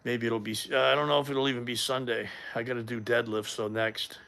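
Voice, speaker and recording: A man chats loosely on a live stream, greeting viewers as they show up. His voice is bright and forward, and he rambles with frequent fillers. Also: medium pitch, flat delivery, brisk, creaky. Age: 50s. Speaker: livestream host. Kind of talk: casual live stream chat. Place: home gym.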